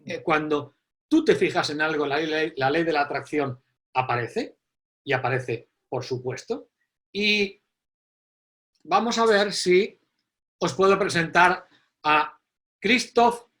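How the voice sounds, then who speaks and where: Middle-aged male host, emphatic and repetitive, a touch higher-pitched. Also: slow pace, pauses often. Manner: animated, emphatic, repeats key phrases. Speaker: online forum host. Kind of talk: live online event introduction.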